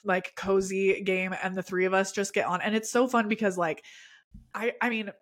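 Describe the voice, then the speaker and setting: A woman's voice: mid-range voice, steady tone, moderate pace. A young woman co-hosting a podcast in casual chat, chatty and giggly, with lots of fillers. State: sniffly after a near-sneeze. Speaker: podcast co-host.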